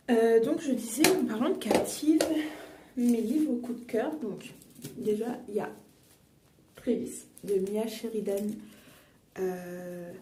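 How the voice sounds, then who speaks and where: A woman's voice: mid-range voice, dark tone. Chatty young woman in an echoey room. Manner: chatty, rambling, many fillers and self-corrections. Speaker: beauty and books vlogger. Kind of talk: casual chat while doing makeup. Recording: echoey room, a bit far from mic, faint noise.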